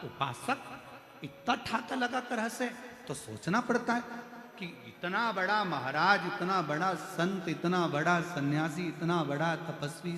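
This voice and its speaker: Male religious storyteller, emphatic, repetitive, fairly high voice, faint music, echoey hall. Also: pushed and bright. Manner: emphatic, piles up repeated words. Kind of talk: devotional story sermon.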